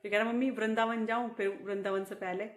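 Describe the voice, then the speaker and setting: A woman's voice: mid-range voice, steady tone, quick pace. Laughing woman vlogger in an echoey room. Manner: laughs often while talking. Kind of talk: casual chat to camera.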